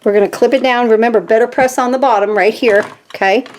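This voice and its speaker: A woman hosting a casual craft tutorial from her home craft room, chatting to viewers and getting excited as she works. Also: a little high, fast talker, a little hiss or hum. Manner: chatty and easily excited, talks to viewers while working. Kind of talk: casual step-by-step craft demonstration.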